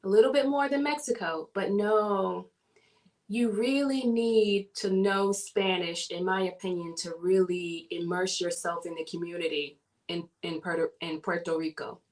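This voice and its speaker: A woman from the southern United States, speaking low and unhurried, is a guest in a casual interview. She tells her story animatedly and laughs often, though the audio quality is poor.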